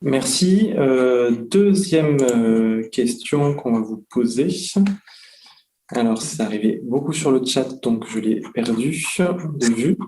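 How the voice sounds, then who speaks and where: A man moderating a webinar, reading out audience questions with a halting delivery. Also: medium pitch, warm tone, a little hiss or hum. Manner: halting, stumbles over words.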